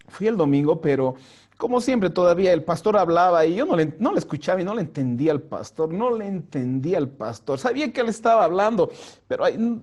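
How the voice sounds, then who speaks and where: Earnest, high-voiced pastor telling his testimony. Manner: earnest storytelling, acts out quoted lines in a raised voice; drops soft and slow for prayers. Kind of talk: personal testimony to a youth group. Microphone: home mic for an online vigil.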